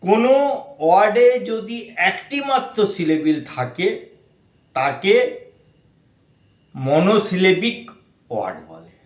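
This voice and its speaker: A man's voice: high-pitched, very animated, slow pace, long pauses, reverberant. A man teaching an English grammar lesson, breaking words into syllables and spelling them out letter by letter. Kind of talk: explanatory lesson.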